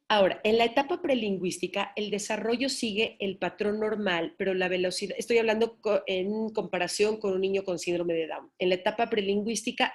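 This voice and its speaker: A woman speech therapist giving an informal talk to parents, often checking in with "¿sí?". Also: medium pitch. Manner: explanatory, checks in with "¿sí?". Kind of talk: informal lecture.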